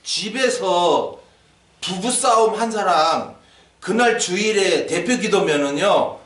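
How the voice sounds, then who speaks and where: A man's voice: high-pitched, slow. An older man preaching a sermon as pastor, asking the congregation questions and joking with them. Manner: lively, asks the congregation questions, jokes. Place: church sanctuary. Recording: echoey church hall, mic at a distance.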